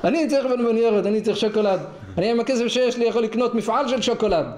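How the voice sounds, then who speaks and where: A man's voice: very high voice, darkish tone. A man voicing an angry, proud male city governor who scolds scornfully. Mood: scornful scolding. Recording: echoey room, faint noise.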